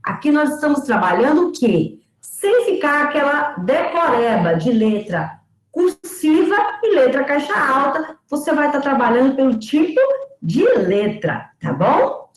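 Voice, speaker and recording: A high-voiced woman lectures on pedagogy in an online lesson, her delivery lively and swooping. She speaks slowly, sounding out words syllable by syllable, in an echoey room.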